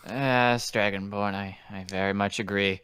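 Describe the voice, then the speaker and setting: A man's voice: lowish voice, steady tone, normal speed, a bit bright, smooth, no echo, studio quality. A man narrating as game master of a tabletop game, rambling with many fillers and restarts.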